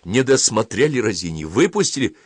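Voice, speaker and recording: A man voicing a hot-tempered, easily flustered gendarme captain who speaks in loud, indignant outbursts. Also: on the low side, big pitch swings, a little fast, breathy edge, dry recording, studio quality, voice pushed up. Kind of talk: audiobook character voice.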